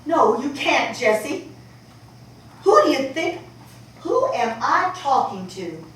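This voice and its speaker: Woman acting a desperate older mom in a stage play, high swooping voice, far off mic, echoey hall, noisy. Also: big pitch swings, slow pace, a bit bright, heavily acted. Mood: outraged. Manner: pleading, emotional outbursts. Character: aging mother pleading with her grown daughter.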